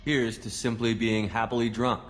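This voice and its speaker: An actor playing a steady, curious male starship commander in a video game, asking questions in a level, quick way. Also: mid-range voice, lightly acted. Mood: warm. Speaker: game character.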